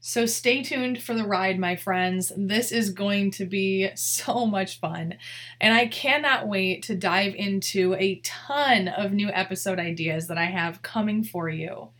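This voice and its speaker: Young adult woman, solo podcast host, earnest and heartfelt, a touch husky. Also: medium pitch, a little slow, fairly bright tone. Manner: heartfelt, earnest, addresses listeners directly. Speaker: podcast host, wedding photographer.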